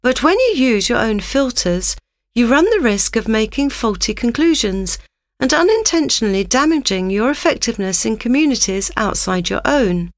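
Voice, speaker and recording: Narrator, female: raised, animated pitch with a dry, close sound, measured and instructive. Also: dry recording. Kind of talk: scripted narration.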